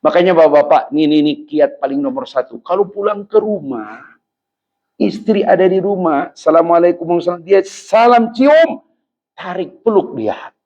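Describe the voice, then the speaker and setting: A male preacher delivers a light-hearted religious talk, full of jokes aimed at his listeners and sudden loud exclamations. His voice has a gravelly edge, and the recording sounds dull and lo-fi. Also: sits high, lively intonation, moderate pace. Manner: joking, teasing the audience with sudden loud outbursts. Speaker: Islamic preacher. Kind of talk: humorous religious lecture.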